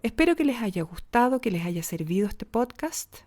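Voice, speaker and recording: A woman with a Chilean accent, a speech coach giving a podcast lesson on diction with deliberate pauses and soft near-whispers for emphasis. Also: fairly high pitch, big pitch swings. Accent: Chilean Spanish.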